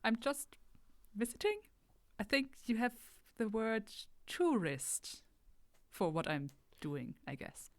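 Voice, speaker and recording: A woman voicing a curious, gentle female alien tourist in a tabletop role-play, speaking in earnest, halting bursts. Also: a little high, big pitch swings, no echo, pitched above the performer's own voice, exaggerated voice. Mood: puzzled.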